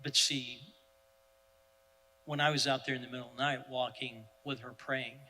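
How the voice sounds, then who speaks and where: A male pastor, preaching in an animated, self-deprecating storytelling style. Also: medium pitch, moderate pace, long reverb tail, poor audio. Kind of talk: sermon storytelling.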